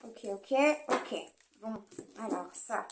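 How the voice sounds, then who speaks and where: A woman's voice: medium pitch, takes it slowly, fairly bright tone. A woman giving a chatty, rambling card reading, with frequent fillers and small laughs. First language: French. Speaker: card reader. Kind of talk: casual spoken card reading.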